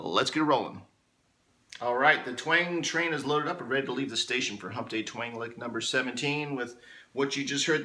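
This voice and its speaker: A man's voice: medium pitch, pushed and bright. A man teaching a country guitar lesson in an easygoing, folksy way from a home studio room with a ceiling fan. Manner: folksy, easygoing drawl of phrases like howdy. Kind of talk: casual spoken lesson intro.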